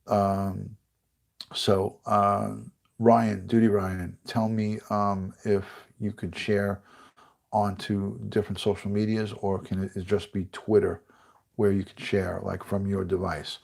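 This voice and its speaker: This retired US detective, middle-aged, talks slowly and flatly on a livestream, wandering between topics and reading comments from viewers. His lowish male voice is congested and stuffy, with vocal fry and a slightly mellow quality.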